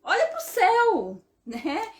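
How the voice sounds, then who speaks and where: A woman's voice: extremely high pitch, huge pitch swings, takes it slowly. A woman with a Brazilian Portuguese accent, a therapist giving casual coaching talk and checking in with her listener through constant short tag questions.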